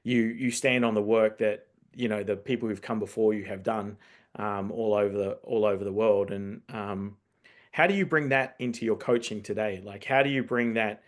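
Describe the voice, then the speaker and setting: A coach developer who grew up in New Zealand hosts a casual interview, thinking aloud as he asks long, circling questions. He rambles and circles back to rephrase, in a steady, lowish voice at a normal speed.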